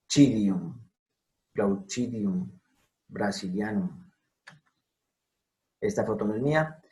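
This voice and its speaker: A man's voice: fairly low pitch, poor audio. A man giving a lecture over a video call, carefully spelling out and repeating each sound as he explains. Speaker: lecturer on scientific name pronunciation. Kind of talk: explanatory talk over slides.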